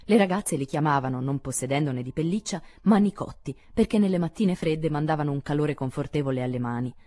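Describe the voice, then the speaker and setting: A woman narrating a classic novel as an audiobook, measured and expressive, dropping her voice for quieter passages. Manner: measured, expressive, lowering for asides. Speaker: audiobook reader.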